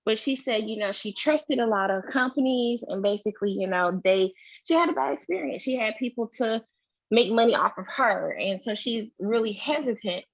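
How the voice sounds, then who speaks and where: A woman's voice: fairly high pitch, normal speed. Chatty woman on a muffled call. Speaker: network marketing recruiter. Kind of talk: casual chat on a video call.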